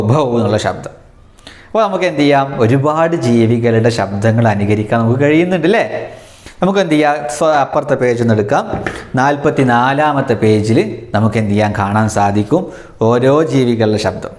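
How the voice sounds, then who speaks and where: A man teaching a children's language lesson, telling a story and imitating animal sounds for the class to repeat. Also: medium pitch. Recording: echoey room.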